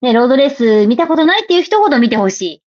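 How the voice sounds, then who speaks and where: A woman's voice: high voice, very animated, very fast, a little mellow, highs cut off. A woman hosting a livestream, chatting casually and playfully while reading out viewer comments. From Japan. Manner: chatty and playful, laughs often, reads comments aloud. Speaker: livestream host.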